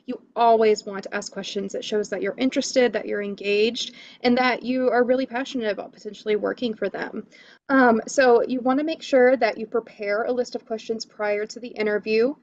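A woman's voice: on the high side, fairly even intonation, normal speed, darkish tone, muffled recording. Upbeat woman coaching over a video call. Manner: enthusiastic, lots of "you know" and "um". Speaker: career coach. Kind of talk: webinar coaching talk.

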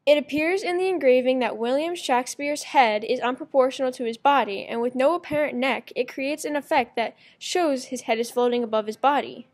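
Higher-voiced woman reading a school report. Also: brisk, hardly any pauses. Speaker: student presenter. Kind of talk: scripted narration for a school project.

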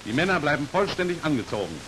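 This 1940s instructional film has a male narrator whose fairly high voice moves quickly, formal and exact in a matter-of-fact way. A constant hiss runs under the aged soundtrack.

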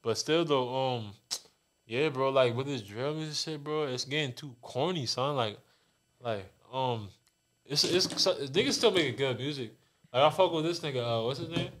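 A man's voice: mid-range voice, moderate pace, a bit bright, slight background noise. Slangy young man arguing on a podcast. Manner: slangy, insistent, argues in repeated short phrases. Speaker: podcast co-host. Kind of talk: casual chat.

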